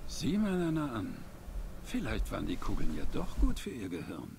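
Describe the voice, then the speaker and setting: An actor voicing a calm male doctor in a video game, asking his patient questions in a measured, clinical way. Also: mid-range voice, gravelly, slight background noise. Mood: calm questioning. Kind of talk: German video game dub.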